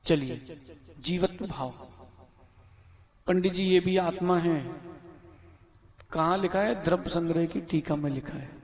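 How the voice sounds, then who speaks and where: A man's voice: on the high side, unhurried, long pauses. A man, a monk, giving a scripture class in a temple hall, quizzing listeners by name and correcting how they pronounce the verses.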